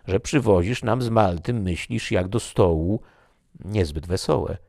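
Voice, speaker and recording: Guy reading as a chatty excitable young nobleman, raised voice, exclaims a lot, dry close recording. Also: on the low side, unhurried, gravelly, dry recording, pitched above the performer's own voice. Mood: bantering. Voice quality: animated, exclamatory. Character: jovial, talkative young male nobleman, easily moved. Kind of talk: audiobook character reading.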